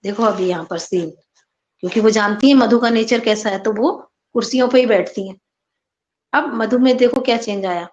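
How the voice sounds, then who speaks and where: A woman's voice: fairly high pitch, normal speed, a little mellow, lo-fi sound. A woman teacher narrating a story and explaining its words to her class in a plain, conversational way.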